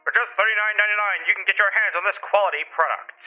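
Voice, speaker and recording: A man's voice: sits high, fast, faint music behind, pitched above the performer's own voice. A man doing a cheesy supermarket announcer on radio. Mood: salesy. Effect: lo-fi radio filter. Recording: dull lo-fi radio filter.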